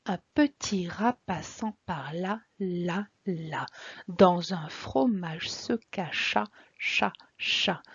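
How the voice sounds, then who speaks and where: A woman slowly reciting children's nursery rhymes in a sing-song way. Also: medium pitch, a little mellow, slightly rough, no room sound. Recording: dull lo-fi dry sound.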